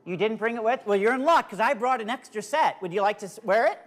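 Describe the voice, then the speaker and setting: A man's voice: high-pitched, fast, fairly bright tone. A man works a live kids' comedy magic show as the magician. He speaks in simple, coaxing phrases to small volunteers, then turns to address the audience like a playful showman. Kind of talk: live stage show patter for kids, talking to volunteers and audience.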